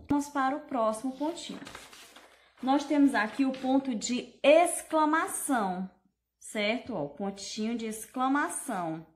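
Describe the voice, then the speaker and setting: A woman primary school teacher gives a lesson to young children in a slow, sing-song, fairly high-pitched voice. She exaggerates her intonation whenever she reads examples aloud.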